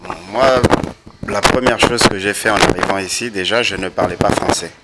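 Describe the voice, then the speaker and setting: A man, a panel guest, speaking hesitantly and softly. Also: on the low side, moderate pace, heavy background noise. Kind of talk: debate discussion. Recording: music playing under voice. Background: music.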